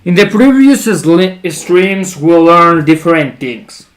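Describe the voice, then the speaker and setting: A man's voice: on the high side, expressive, slow pace. A man hosting a livestream in casual chat, talking like a hyped-up gym bro and repeating his phrases. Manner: hype gym-bro talk, repeats phrases, often says bro. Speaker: livestream host.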